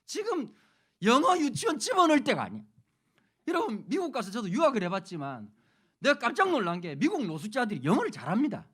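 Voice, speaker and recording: A man's voice: extremely high pitch, brisk, husky. A middle-aged male pastor from Busan giving a humorous sermon lecture, joking and putting questions to the audience. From Busan, South Korea. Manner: lively, jokey, addresses audience with questions.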